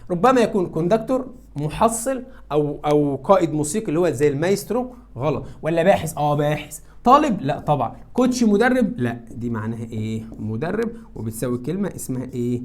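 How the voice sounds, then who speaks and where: Egyptian guy teaching english really fast, keeps asking the class stuff then answering it himself. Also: a little high. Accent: Egyptian Arabic. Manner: lively, asks students questions and answers them himself. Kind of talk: classroom lesson explaining exam answers.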